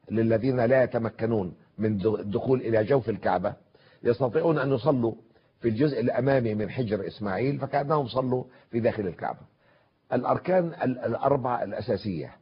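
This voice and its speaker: Husky older man lecturing on scripture. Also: fairly low pitch. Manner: measured, reciting verses, pausing with drawn-out fillers. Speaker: scholar giving a televised Quran commentary. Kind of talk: formal televised religious lecture. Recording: dull lo-fi broadcast audio.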